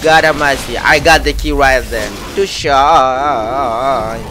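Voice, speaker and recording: A man giving live gameplay commentary, excitable and talking to himself, often repeating the same phrase over and over. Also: fairly high pitch, moderate pace, slight background noise.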